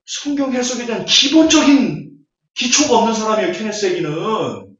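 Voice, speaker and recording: A man's voice: sits high, expressive, moderate pace, fairly bright tone. A man preaching a Bible lecture, scornful and full of rhetorical questions. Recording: echoey hall, distant, dull audio.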